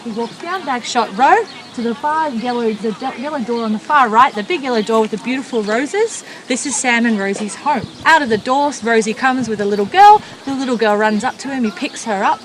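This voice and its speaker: A woman's voice: on the high side, fairly quick. A woman giving a guided tour outdoors, chatty and often checking in with her group. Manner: chatty, tags lines with "okay?". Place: outdoors on a farm film set. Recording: noisy outdoor camera audio.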